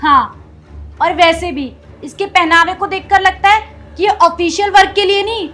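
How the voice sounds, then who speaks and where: A woman's voice: extremely high pitch, normal speed, pushed and bright, soft background music. A woman playing a bossy, insulting candidate. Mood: rude. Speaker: job candidate.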